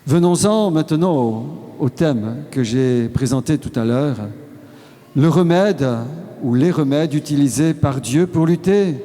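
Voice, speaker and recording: A man preaching a sermon, slow and measured, pausing between short solemn phrases. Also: fairly high pitch. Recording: long reverb with soft music behind.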